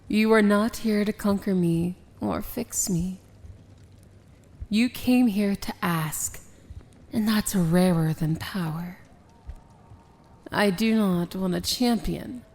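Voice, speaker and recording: In an ASMR fantasy romance roleplay, a woman plays a proud and dangerous evil princess. Her medium-pitched voice stays soft and formal, with a breathy, measured, regal delivery.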